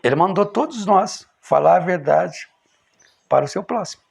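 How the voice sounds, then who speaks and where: A man preaching an impassioned sermon, emphatic, swinging between loud exclamations and low, quiet lines. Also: lively intonation, normal speed, gravelly.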